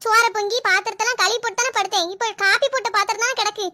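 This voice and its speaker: A woman voicing a sharp-tongued young wife in a family comedy skit, quick, sarcastic and indignant. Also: very high-pitched, steady tone.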